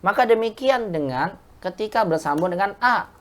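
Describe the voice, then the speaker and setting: A woman's voice: mid-range voice, lively intonation, normal speed. A woman teaching an Arabic lesson to a class, explaining step by step and asking the class questions. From Indonesia. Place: mosque classroom.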